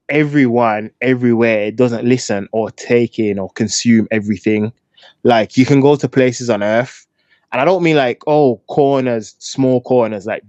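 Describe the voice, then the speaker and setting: A man's voice: medium pitch, a little mellow, no echo. A man, co-hosting a podcast and giving his candid opinions in a casual chat. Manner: candid, chatty, talks through his opinions. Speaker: podcast co-host. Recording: dull, slightly lo-fi dry sound.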